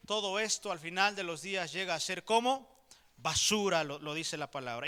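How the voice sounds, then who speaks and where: A man's voice: sits high, sharp tone, smooth. A man with a Mexican Spanish accent preaching a sermon as pastor, emphatic and putting direct questions to the congregation. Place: church hall. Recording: reverberant church hall.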